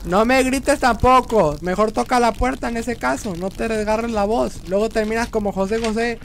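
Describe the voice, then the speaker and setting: A young man with a Mexican accent commenting on his gameplay, cracking crude jokes, talking back to game characters and yelling when startled. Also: very high-pitched, normal speed, vocal fry, noisy background. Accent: Mexican Spanish. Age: young adult. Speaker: streamer.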